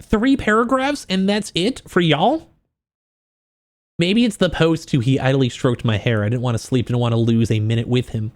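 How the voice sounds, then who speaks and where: Speaking at medium pitch and a moderate pace, a man reacts to a book on a livestream, moving between reading passages aloud and tossing informal, profane, self-mocking jokes to his chat.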